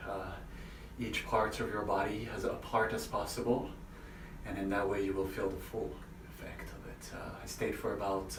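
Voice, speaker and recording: A man speaking haltingly in short phrases, giving a casual, unscripted instructional vlog from a bathroom. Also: lowish voice. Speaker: vlogger demonstrating an ice bath. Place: indoors in a bathroom by or in a bathtub. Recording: echoey bathroom, distant mic, faint noise.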